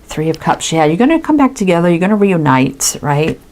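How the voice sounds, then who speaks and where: Low-voiced woman giving a tarot reading. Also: very animated, brisk, a little mellow. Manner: musing aloud, frequent "right?" tags. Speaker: tarot reader.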